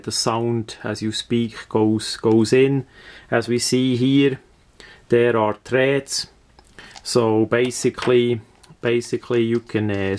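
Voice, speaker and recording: A man with a Swiss accent talks through a product demonstration without a script. His pitch is average and his pace is slow. He is halting, often searching for a word and repeating himself as he goes. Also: darkish tone. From Switzerland. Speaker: product reviewer.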